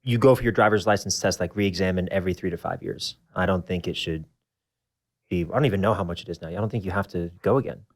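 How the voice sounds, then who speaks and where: A man hosts a relaxed podcast conversation. His voice sits a little low. He speaks casually and bluntly, mostly in short replies and plain opinions. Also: fast talker. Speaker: podcast host.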